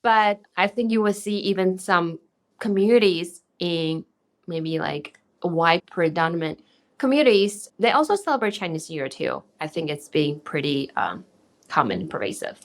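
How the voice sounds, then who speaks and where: A woman's voice: lowish voice, animated, normal speed. A woman from central Taiwan, co-hosting a casual podcast chat in English and explaining things thoughtfully with terms mixed in. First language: Mandarin. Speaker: podcast co-host.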